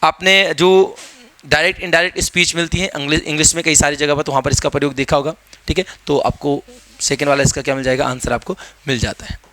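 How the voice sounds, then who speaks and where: A man talks students through exam questions with an emphatic, energetic delivery. His voice is bright and forceful and sits a bit high for a man. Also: quick pace. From India. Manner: explains step by step, lively and emphatic. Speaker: teacher. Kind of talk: exam-prep lesson.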